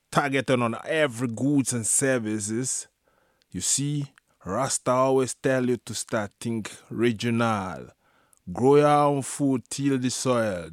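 A man's voice: mid-range voice, dry recording, studio quality. A man with a Jamaican accent speaking in Rastafarian idiom, preaching impassioned social commentary.

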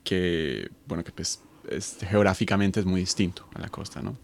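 A man's voice: low-pitched, moderate pace, vocal fry, a little hiss or hum. A man in his thirties from Colombia, a guest talking thoughtfully in an interview, with many fillers and restarts. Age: 30s. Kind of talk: conversational interview.

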